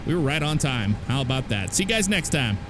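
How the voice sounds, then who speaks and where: A man's voice: medium pitch, sing-song, fairly quick, over music. A man giving casual, informal commentary on flight simulator gameplay, addressing his viewers directly.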